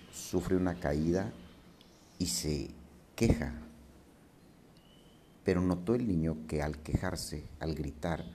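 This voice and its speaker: A man who hosts a daily reflection, telling a parable and encouraging listeners in a gentle, preaching way. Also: sits low, a little hiss or hum. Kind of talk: motivational reflection.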